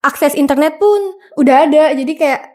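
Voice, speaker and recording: Female guest, 20s, high pitch, casual and loose. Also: moderate pace, a little mellow. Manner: casual, uses "kayak" fillers. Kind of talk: casual podcast chat.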